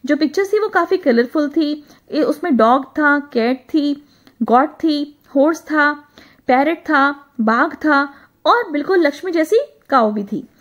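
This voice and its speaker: A woman with a high voice reads a story aloud like a teacher. She gives each English line slowly, then retells it in Hindi with many small hesitations. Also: expressive. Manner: frequent hesitation fillers. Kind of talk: reading a story aloud and explaining it.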